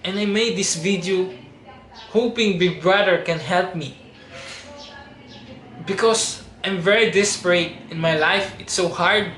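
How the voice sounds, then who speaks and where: A Filipino man in his twenties, auditioning for a reality show, makes an earnest, pleading personal appeal to the camera. His voice sits high and comes out a little slow, with frequent pauses. The recording has a roomy echo and steady background noise.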